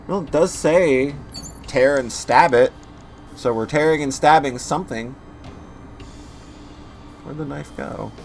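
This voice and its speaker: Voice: mid-range voice, takes it slowly, gravelly, long pauses, darkish tone. A game streamer giving casual, playful, joking commentary on a playthrough. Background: faint game music.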